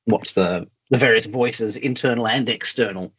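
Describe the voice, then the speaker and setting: A man hosting a casual interview thinks aloud, feeling his way through winding, tentative questions. His fairly low voice is husky and a bit bright at normal speed, in slightly dull, lo-fi conversation audio.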